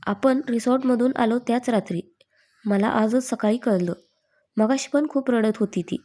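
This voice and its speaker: A loving young bride-to-be with a coaxing, playful way of talking, as a woman narrator plays her. Her voice is fairly high and mellow. This is an audio storybook reading. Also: moderate pace, natural voice. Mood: tender.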